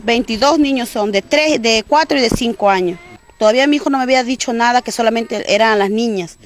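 A woman from Peru talks fast and urgently, her voice pitched a little high as she recounts events with rising distress. She speaks as a worried mother in a street interview. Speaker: mother of a pupil. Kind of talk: emotional street interview testimony.

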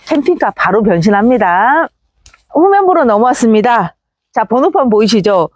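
Female used-car seller, high animated voice, dry sound, slick and upbeat walkaround delivery. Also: no echo. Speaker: used car dealer presenting a vehicle. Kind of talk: sales walkaround presentation.

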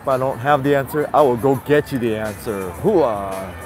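This man, a vlogger, is live-streaming on a handheld phone as he walks a city sidewalk at night, faint music behind him. His voice is medium-pitched and a little mellow, with a moderate pace and a stuffy nose. He chats casually with viewers, repeating his greetings.

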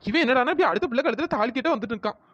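A woman's voice: fairly high pitch, animated, a bit bright, no echo, highs cut off. A woman voicing a bossy, gossiping village neighbor in a cartoon story, with chatty, scolding talk. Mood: gossipy. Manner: chatty, scolding, fast-talking.

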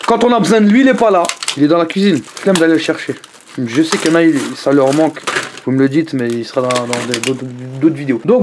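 Chatty, animated man vlogging to camera. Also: on the high side, noisy background. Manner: chatty and animated, with exclamations and asides to viewers. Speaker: food reviewer YouTuber. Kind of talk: casual vlog chat to camera.

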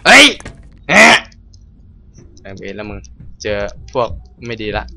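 A young man streaming a game, cursing loudly at enemies and narrating politely to viewers in between. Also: mid-range voice, smooth. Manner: foul-mouthed, yells and curses at enemies. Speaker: gameplay streamer. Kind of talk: casual let's-play commentary.

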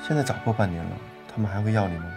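An actor playing a proud young husband out of work, indignant at times and earnest at others, in a TV drama. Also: male voice, on the low side, racing, close to an everyday voice. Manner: indignant, then earnest and reassuring. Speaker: laid-off office worker, husband. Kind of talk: TV drama acting. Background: music score.

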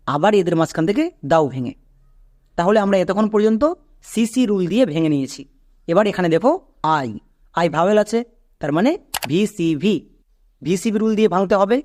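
A man's voice: high voice, a little mellow. A man gives a spoken English lesson. He takes it step by step, asks his learners questions and drags out each syllable when he sounds out a word. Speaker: English teacher.

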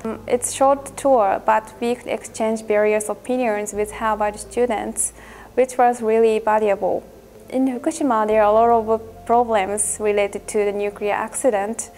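A young woman in her twenties, a Japanese native speaker, speaking in steady, composed English in a studio interview. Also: a little high, unhurried, soft background music. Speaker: student tour organizer. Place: indoor studio with grey backdrop. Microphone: lapel mic.

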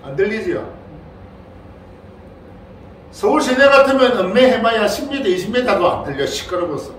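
A man's voice: sits high, expressive, moderate pace, slight background noise. An older man, a Buddhist monk, gives a playful Dharma lecture to a congregation and keeps prompting his listeners with questions. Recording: very echoey hall, voice far from the mic.

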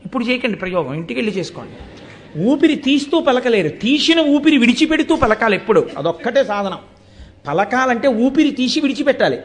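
A man with an extremely high, sing-song voice speaks at a quick pace, giving a live devotional discourse to an audience. As a spiritual speaker, he poses rhetorical questions and quotes verses while explaining.

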